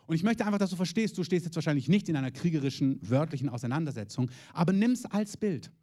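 A man's voice: fairly high pitch, lively intonation, fast talker, warm tone. A man preaching a sermon as pastor, emphatic, with repeated calls of Amen and long spoken lists. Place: church in Berlin.

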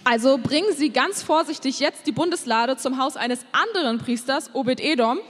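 A woman interpreting a sermon live, phrase by phrase, with the occasional hesitation while she searches for a word. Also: high voice. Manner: quick, with hesitations, echoes the preacher's acted voices. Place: church hall. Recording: reverberant church hall.

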